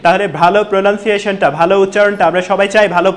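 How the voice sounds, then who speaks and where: A man's voice: high voice, flat delivery, rapid-fire, slight background noise. A man teaching spoken to a classroom, asking questions and calling on students. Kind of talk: classroom teaching, mixing Bengali and English.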